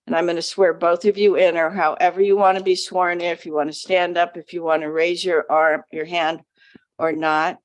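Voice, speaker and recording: A woman chairing a planning commission meeting, reading procedural rules and gently directing testifiers to the table microphone. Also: on the low side, flat delivery, normal speed. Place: county planning commission hearing room.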